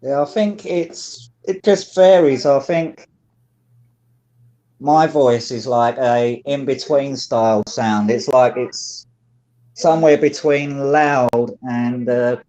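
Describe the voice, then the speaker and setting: Man, London accent, rambling casual chat, phone mic, mid-pitched voice. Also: takes it slowly, mellow. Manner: rambling, many fillers like "it's like".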